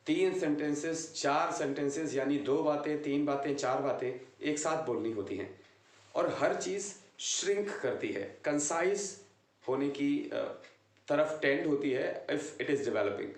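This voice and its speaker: Slow, deliberate male teacher. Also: mid-range voice, roomy sound. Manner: slow and deliberate, mixing English into Hindi explanations. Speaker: English teacher. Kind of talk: grammar lesson.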